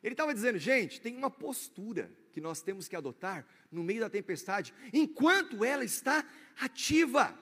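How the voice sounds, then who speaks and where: A Brazilian pastor delivers his sermon in a high, ringing voice. He swings between loud proclamations and hushed, intimate asides. The sound carries the long reverb of a church hall. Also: sing-song, moderate pace, husky.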